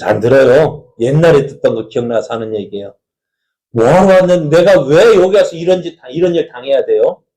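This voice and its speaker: Mellow-voiced pastor asking questions, man. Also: mid-range voice, poor audio. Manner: conversational preaching, asks the congregation many rhetorical questions. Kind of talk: sermon.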